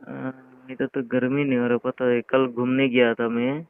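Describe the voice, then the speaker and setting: A man's voice: medium pitch, little pitch movement, moderate pace, smooth. Young man teasing on a tinny phone line. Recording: tinny phone call recording with faint hiss.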